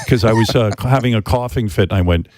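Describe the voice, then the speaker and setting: An older man hosting a radio show, ranting in an animated, profane, mock-indignant way during casual banter. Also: medium pitch, fairly quick, no room sound, clean studio sound.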